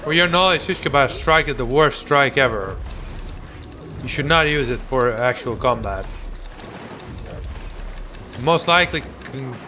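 With a medium-pitched voice and background noise behind him, a young man offers casual let's play commentary. He's goofy and sarcastic, ranting and joking about the game, humming and doing mock voices.

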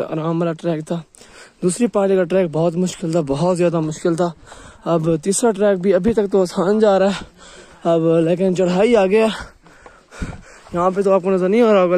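A young vlogger with a Pakistani Urdu accent climbs a wooded hill outdoors, chatting casually into his handheld phone as he narrates the hike on the move. His voice is high-pitched and warm, without echo.

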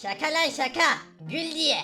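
A woman's voice: high voice, expressive, moderate pace. A woman voicing a cheeky, mischievous little boy who bosses his babysitter around and plays sly tricks, over game music. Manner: bossy, sly, teasing.

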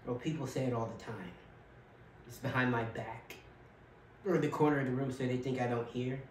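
A man performing a dramatic monologue as a grieving widower, bitter and heartbroken, with a measured, quiet, halting delivery. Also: mid-range voice, fairly even intonation, a little hiss or hum, close to an everyday voice. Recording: roomy echo, from far off.

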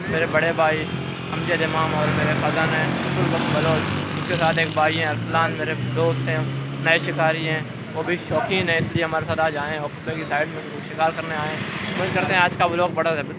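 A man's voice: a little high, level tone, brisk. A young man from Pakistan recording an upbeat selfie vlog on a phone held at arm's length on a windy beach, addressing his viewers. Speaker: vlogger. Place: sandy beach outdoors, windy. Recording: loud wind and surf noise.

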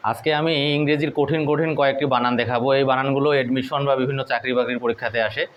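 A man teaching English spelling tricks, spelling words out letter by letter in a slow, deliberate way. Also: mid-range voice, steady tone, highs cut off, slight background noise. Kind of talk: spelling lesson.

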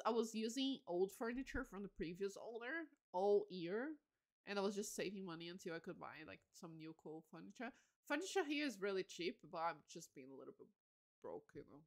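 Speaking in a mid-range voice, this late-twenties woman keeps up a relaxed, honest chatter while streaming a game live. There's a slight weariness to her, and she's giggly and quick to laugh at her own expense.

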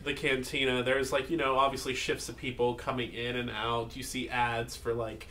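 Bright-voiced male game master. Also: medium pitch, little pitch movement, normal speed, a little hiss or hum. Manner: casual, rambling with fillers. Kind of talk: narrating a tabletop game.

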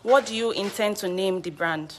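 A Nigerian woman hosting a live interview, prompting with brisk questions and short "okay"s. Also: mid-range voice, a little hiss or hum. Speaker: host. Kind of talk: live interview and walk-through.

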